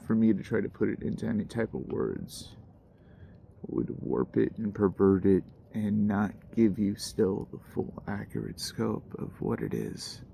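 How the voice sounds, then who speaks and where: A man with a low voice and a gravelly fry talks casually to his viewers by a campfire outdoors. His delivery is slangy and musing, wandering as he goes. Faint ambient noise sits behind him. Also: warm tone. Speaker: host. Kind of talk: casual fireside monologue to viewers.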